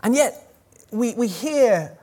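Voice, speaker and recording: A preacher with a high, bright-sounding voice that swoops and leaps expressively as he talks. He speaks to a church congregation in a chatty, humorous way, often asking his listeners questions. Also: expressive, takes it slowly. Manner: conversational, jokey, asks the congregation questions. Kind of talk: sermon.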